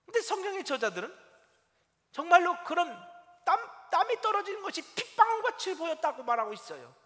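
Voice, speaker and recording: A male pastor preaching a Sunday sermon in a church, animated and asking his congregation rhetorical questions. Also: very high-pitched, brisk. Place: church sanctuary. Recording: long church-hall reverb.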